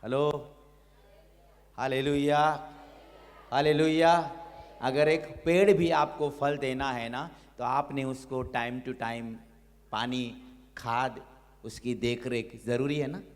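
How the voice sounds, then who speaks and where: A man preaching as a pastor, slow and deliberate, calling out hallelujah and leading a congregation in fervent prayer. His voice rings through the long reverb of a large church hall. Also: medium pitch, steady tone. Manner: exhorting, repeats hallelujah; leads a loud impassioned prayer. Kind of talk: sermon.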